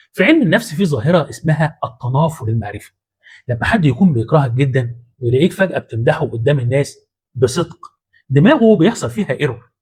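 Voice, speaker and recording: Egyptian male host, quick slangy self-help talk, raspy voice, casting for punchy motivational lines. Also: a little high, darkish tone. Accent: Egyptian Arabic. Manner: colloquial, punchy, street-slang asides.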